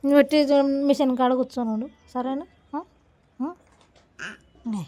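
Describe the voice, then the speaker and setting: A woman's voice: sits high, steady tone, normal speed, mellow. A woman, a mother, talking casually with her young daughter at home, coaxing and scolding. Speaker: mother and vlogger.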